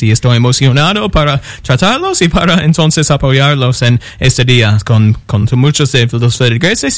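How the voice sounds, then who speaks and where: A man's voice: on the high side, no room sound. A man from Nebraska, a parish priest whose first language is English, speaking with an American accent and many fillers and restarts as a radio guest. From Nebraska, United States. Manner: halting second-language speech with fillers and restarts.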